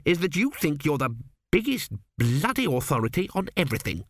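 A sulky, excitable little man with a bow, whiny and sharply raised above normal speech, as a man narrator puts him on. His voice is petulant and indignant. The sound is close and dry. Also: on the high side, fairly quick, no room sound, voice pushed up.

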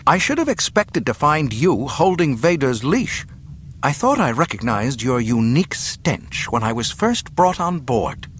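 A man voicing a proud, sharp-tongued young princess held captive, in a storybook reading. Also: on the high side, wildly swooping pitch, moderate pace, hardly any pauses, a little hiss or hum, pitched above the performer's own voice. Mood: scornful.

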